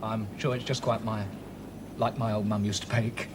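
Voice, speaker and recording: An actor playing a breezy but guarded spy with a working-class British accent in a television drama. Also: male voice, fairly low pitch, little pitch movement, normal speed, natural voice. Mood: affable, evasive. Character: breezy, guarded male spy posing as an ordinary Englishman. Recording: vintage TV soundtrack, clear background noise.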